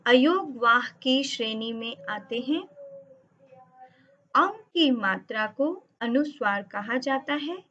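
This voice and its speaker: A woman teaching over slides, speaking slowly and carefully and drawing out each sound she spells. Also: a little high, pushed and bright. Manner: drawn-out, emphatic spelling of sounds. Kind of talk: slow, careful lesson narration over slides. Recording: dull lo-fi audio.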